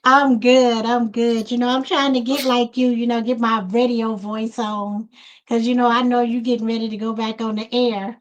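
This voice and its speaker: Relaxed woman host on a video call. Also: a little high, moderate pace, lo-fi sound. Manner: relaxed, many "you know" fillers. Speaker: podcast host. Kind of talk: casual interview chat.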